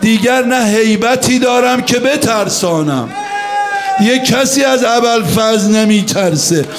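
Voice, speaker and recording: High-voiced impassioned male preacher. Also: background noise. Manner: impassioned, swings between shouting and chanting. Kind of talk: mourning sermon with chanted lament.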